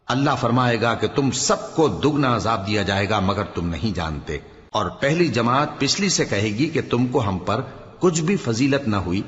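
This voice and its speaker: A man reading a scripture translation aloud in a measured, solemn way, dropping low at the end of each verse. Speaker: scripture reader. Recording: reverberant, dull lo-fi hall recording.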